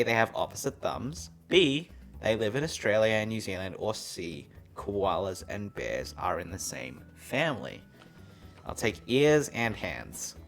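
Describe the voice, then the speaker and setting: An upbeat man hosts a casual gaming livestream, reading out trivia questions and keeping the game moving. His voice swings widely in pitch as he talks. He laughs easily with his co-hosts. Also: a bit bright. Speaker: livestream host and quiz master.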